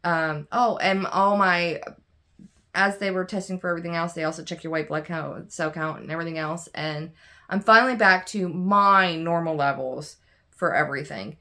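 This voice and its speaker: A woman's voice: on the low side, moderate pace, sharp tone. A young adult woman chatting casually and candidly to camera as a craft vlogger, tired and yawning, rambling with many fillers and restarts. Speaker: cross stitch vlogger.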